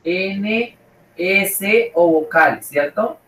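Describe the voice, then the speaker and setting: A teacher talks slowly and patiently, repeating each point and checking that the class follows along. The voice sits back from the mic in an echoey room, like a distant online class. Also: medium pitch, expressive, a bit bright, slight background noise. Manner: repeats and checks with "¿cierto?" and "¿listo?".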